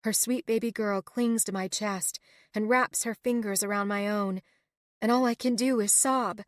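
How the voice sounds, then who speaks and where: A woman narrates a first-person romance audiobook with emotional, expressive reading. Her voice sits in a middle register. The recording is dry and close. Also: medium pitch, normal speed, dry recording.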